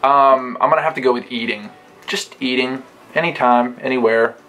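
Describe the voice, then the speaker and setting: A man's voice: mid-range voice, normal speed, pushed and bright, low-quality recording. Joking man in his twenties. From Ohio, USA. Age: 20s. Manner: joking, laughs often. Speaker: guest, the host's husband. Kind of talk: casual chat.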